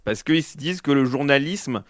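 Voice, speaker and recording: A man's voice: mid-range voice, expressive, moderate pace, dry recording. Dry-recorded man with a slight lisp. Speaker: panelist. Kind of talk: casual spoken news discussion.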